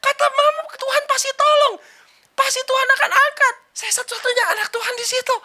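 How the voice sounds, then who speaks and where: A woman's voice: fairly even intonation, fast talker. A woman playing a sobbing twelve-year-old girl. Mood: anguished. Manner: high, pleading, near shouting. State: crying.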